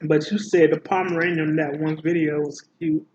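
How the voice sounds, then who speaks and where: Chatty higher-voiced man asking teasing questions. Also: level tone, brisk, a little mellow, highs cut off, a little hiss or hum. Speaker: vlog co-host. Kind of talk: casual chat while eating.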